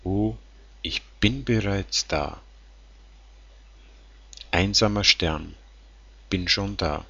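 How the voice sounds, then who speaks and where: A man slowly reading song lyrics aloud in a calm, tender, measured way. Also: low voice, creaky, no echo. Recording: dull lo-fi sound.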